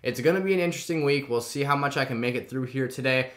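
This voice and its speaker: A man's voice: mid-range voice, quick pace, fairly bright tone. A man hosting a casual fantasy football draft video, talking with a sore, swollen mouth after having his wisdom teeth out. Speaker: video channel host.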